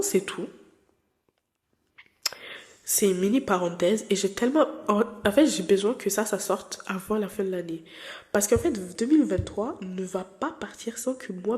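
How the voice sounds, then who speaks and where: Gravelly yet warm, her mid-range voice carries a casual personal chat on the podcast she hosts. In her twenties and not a native French speaker, she is candid and playful, rambling with frequent fillers and restarts.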